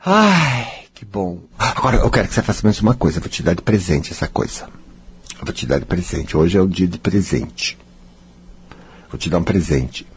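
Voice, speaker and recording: A man's voice: lively intonation, moderate pace, breathy edge. A man giving a guided self-help talk, dramatic, playing out inner voices. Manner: dramatic, acts out inner voices, swings high and low.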